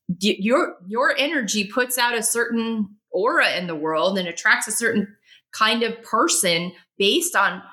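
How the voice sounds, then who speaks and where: A woman hosting an interview, answering with quick affirmations and asking long, rambling questions full of restarts. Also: mid-range voice, bright, forceful tone. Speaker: host. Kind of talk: interview chat.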